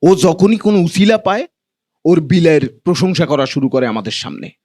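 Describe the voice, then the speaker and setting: A Bangladeshi man with a notably high voice performs stand-up comedy. He talks colloquially to a live audience and teases them as he goes. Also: big pitch swings, moderate pace, mellow. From Noakhali, Bangladesh. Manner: colloquial, teasing banter with the audience.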